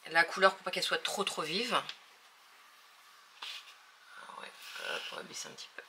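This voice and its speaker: A woman's voice: fairly low pitch, noisy background. A woman hosting a casual craft tutorial, talking hesitantly with many fillers as she thinks aloud while working.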